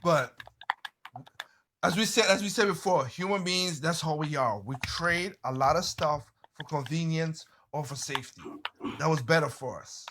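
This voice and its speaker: A man in a casual group chat, telling stories in an animated way, swearing freely and often restarting his phrases. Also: a little high, normal speed, a little hiss or hum. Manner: animated storyteller, swears freely, exclaims loudly.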